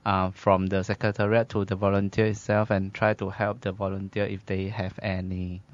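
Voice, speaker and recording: Malaysian guy on radio, flat voice, lots of ums, bit muffled. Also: low voice, slight background noise. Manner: hesitant, full of pauses and fillers. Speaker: guest, volunteer facilitator. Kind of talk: radio studio interview. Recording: slightly dull lo-fi studio audio.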